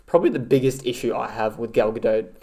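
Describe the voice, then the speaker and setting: A man with an ordinary mid-pitched voice co-hosts a relaxed film podcast. He talks in a laid-back, hesitant way, stringing thoughts together with "um" and "like". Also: quick pace, creaky. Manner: laid-back, hesitant, many fillers and backchannels. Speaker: podcast co-host. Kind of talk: casual film rewatch chat.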